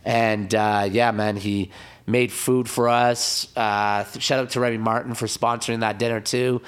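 A man with a hoarse, raspy throat, chatting casually as a DJ guest and giving hyped, slangy shout-outs. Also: medium pitch, little pitch movement, measured pace. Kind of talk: casual podcast chat.

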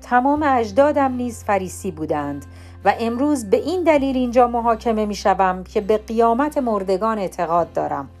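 An earnest, measured reading of Paul, a steadfast and outspoken man on trial, read by a woman. The voice sits a little high, and faint music plays behind it. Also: animated, a little mellow.

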